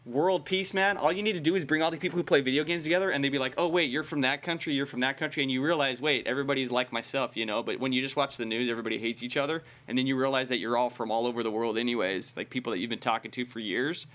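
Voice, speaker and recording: A man's voice: mid-range voice, steady tone, racing, few pauses, fairly bright tone. An American man co-hosting an esports livestream, talking in a laid-back, rambling way with lots of "like" and "dude". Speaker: esports stream co-host. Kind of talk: casual livestream chat.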